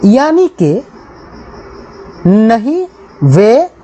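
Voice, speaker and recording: A woman's voice: fairly high pitch, very animated, drawn-out words, mellow, a little hiss or hum. A woman teacher explaining a textbook lesson, reading each phrase aloud and then translating it word by word.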